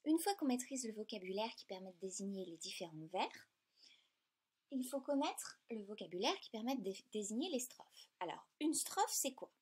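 A woman teaching a lesson in a clear, patient, step-by-step way. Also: mid-range voice, sing-song, moderate pace, a little mellow. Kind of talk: explanatory lesson.

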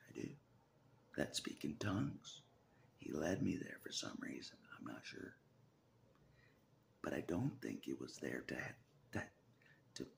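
His voice rumbles low and gravelly, with a little hiss or hum on the recording. He is a religious vlogger in his forties, rambling in a personal vlog shot on a phone at arm's length in a small room, full of hesitant restarts, repeated phrases and half-whispered asides.

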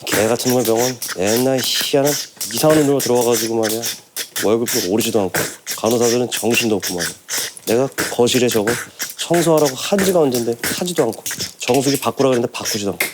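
A grumbling hospital boss who mutters his complaints under his breath. His voice swings a lot in pitch. The sitcom recording has a clear layer of noise behind it. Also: sing-song, fast. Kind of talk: improvised sitcom scene. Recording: noisy background.

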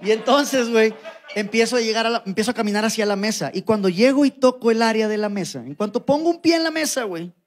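A young man with a Mexican Spanish accent telling a comic story on stage, slangy and animated, now and then mimicking the people in it. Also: high-pitched, fast. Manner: slangy, animated, mimics voices in quoted lines. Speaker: stand-up comedian. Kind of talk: stand-up storytelling. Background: audience laughter.

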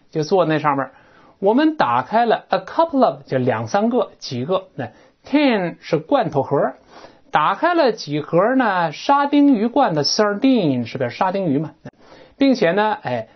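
A woman's voice: on the low side, breathy edge. A woman teaching an English textbook lesson, explaining words and grammar with chatty asides and rhetorical questions. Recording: dull lo-fi recording.

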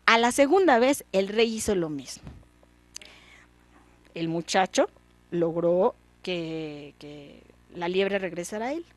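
A young Mexican woman hosting an educational program, telling a folk tale in an animated, expressive way. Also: takes it slowly, long pauses. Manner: animated, expressive, with lively pitch swings. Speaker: storyteller host. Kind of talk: radio storytelling for school children.

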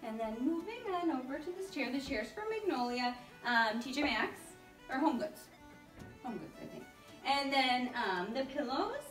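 With a high, fairly bright, expressive voice at a moderate pace, a thirties home decor vlogger gushes through a casual tour of her living and dining rooms. Her camera is a few metres away, making the audio distant and roomy, and music plays underneath.

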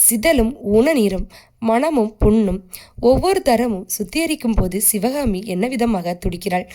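A woman reading a short story aloud as a steady, scripted narration, keeping the characters close to her own voice. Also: fairly high pitch, a little slow.

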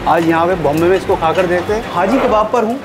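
A middle-aged man with a high voice talks fast and enthusiastically as he tastes and comments on food for a casual vlog. He's speaking into a lapel mic in a small eatery, with background music running under his chatter.

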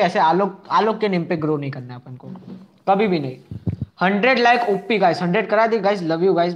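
Chatty young man streaming a game. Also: high-pitched. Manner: chatty, answers viewers' chat messages one by one; repeats phrases, asks viewers for likes. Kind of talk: casual live-stream chat while spectating a game.

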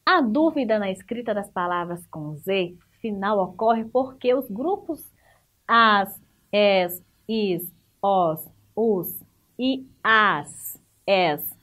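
A woman's voice: medium pitch, expressive, slow pace, fairly bright tone. A woman with a Brazilian Portuguese accent, teaching a remote school lesson, explaining step by step, asking the class questions and praising answers.

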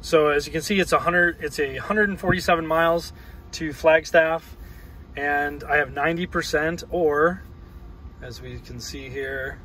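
A man's voice: on the high side, measured pace, a little hiss or hum, poor audio. A man casually narrating his road trip from inside his car, rambling with lots of fillers. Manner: relaxed, rambling, many fillers. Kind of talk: casual narration while driving and charging.

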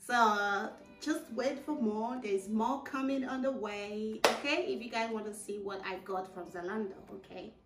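A woman's voice: a little high, a bit bright. A woman vlogger chatting through a casual try-on haul, enthusiastic about the clothes and tagging a questioning "okay?" onto her sentences. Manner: chatty, often adds a questioning "okay?" at the end of phrases; switches to voice-over narration partway.

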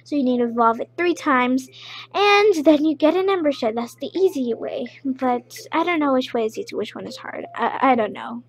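High-voiced woman rambling over gameplay. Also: normal speed. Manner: rambling, chatty, with excited outbursts. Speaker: gameplay video creator. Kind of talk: casual gameplay commentary.

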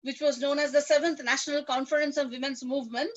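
High-pitched woman lecturing, lots of uh's and restarts. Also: steady tone, lo-fi sound. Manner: halting, many fillers and restarts. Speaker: guest lecturer. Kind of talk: academic lecture.

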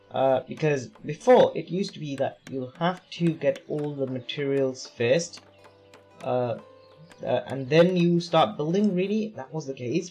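His voice is fairly high, darkish, and husky, and it is getting hoarse and tired as he plays. This man gives loose commentary on a city-building game in a let's play, packed with fillers and self-directed questions.

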